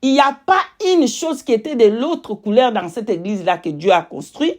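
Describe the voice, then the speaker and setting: A woman's voice: on the high side, animated. Woman testifying in foreign-accented French, emphatic and repetitive. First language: not French. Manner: emphatic, repetitive, pausing to search for words. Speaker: religious witness giving testimony.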